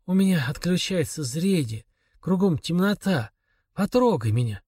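A man voicing a dying, broken father who speaks in a weak, raspy whisper. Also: on the high side, lively intonation, normal speed, darkish tone, no room sound, studio quality, voice pushed up. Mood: weak, pleading.

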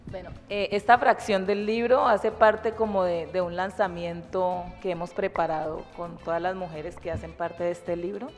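A woman reads a personal memoir aloud in a lively, storytelling way. Her voice rings with a long hall reverb, and faint music plays underneath. She was recorded in a community cultural house. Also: medium pitch, takes it slowly, long pauses. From Cali, Colombia. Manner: chatty, laughing intro, then lively storytelling reading. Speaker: community participant reading from a women's book.

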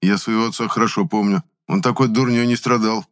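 A man voicing a brash young male squad leader who talks in sharp, mocking, commanding bursts. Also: on the low side, fairly even intonation, fast, clear, resonant tone, voice pushed up, lightly acted.

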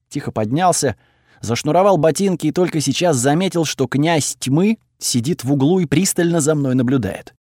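Measured male narrator for first-person fantasy, mid voice, dry booth. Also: medium pitch, darkish tone, no echo. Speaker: audiobook narrator.

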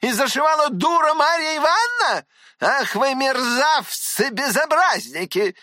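A reader voicing a hot-tempered middle-aged woman in an audiobook, scolding and exclaiming in a raised, higher voice. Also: big pitch swings, measured pace, sharp tone, no room sound, studio quality, exaggerated voice.

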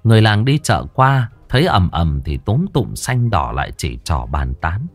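A man narrating a comic folk-style story in a colloquial, crude and lively way. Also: fairly low pitch, moderate pace, no echo, faint music behind. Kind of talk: casual spoken story narration.

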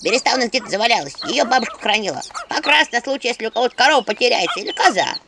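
A woman's voice: on the high side, lively intonation, racing, noisy background. A woman voicing a horned young male imp who talks in an eager, bustling way.

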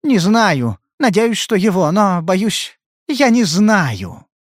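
A scared young woman pleads in a soft, trembling voice, as a man reads her part. Her lines sit far above the reader's usual pitch and swing widely in tone. The recording is close and dry. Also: big pitch swings, slow pace, no room sound, heavily acted. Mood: pleading. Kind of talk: audiobook character reading.

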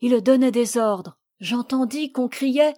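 A woman reading the part of a little girl who sadly recounts a shipwreck, in a gentle, measured voice. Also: a little high. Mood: sad, earnest. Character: little girl recalling a shipwreck, sad and earnest. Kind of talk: audiobook reading.

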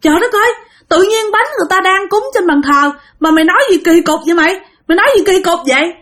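A woman voicing a frightened ten-year-old girl who scolds her friend in a high, rushed voice. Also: bright, forceful tone. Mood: scolding. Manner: shrill, scolding fast.

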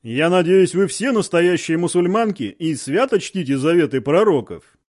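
A loud, brash army deputy commander barks orders and roars at a crowd, his voice lively and rising high. A man acts him out in an audiobook reading, loud and commanding from start to end. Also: moderate pace. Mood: bellowing. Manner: shouting commands.

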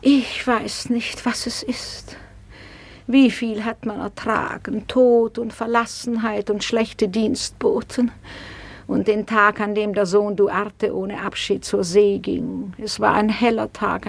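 An actress playing an older, weary and sharp-tongued lady of the house in a radio play, who speaks slowly and mocks. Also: mid-range voice, little pitch movement, creaky, slightly rough, heavily acted. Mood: mournful. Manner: slow, weary, sharp, mocking.

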